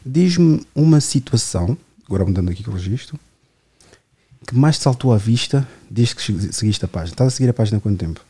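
A man, hosting a podcast in relaxed, chatty conversation and asking questions. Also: fairly low pitch, quick pace, slightly rough. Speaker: podcast host. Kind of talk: casual podcast chat.

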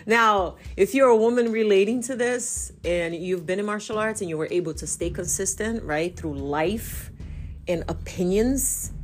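A Brazilian woman in her forties, a native Portuguese speaker, hosting a casual solo podcast in a chatty, animated way that often corrects itself. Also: on the low side. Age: 40s. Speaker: podcast host.

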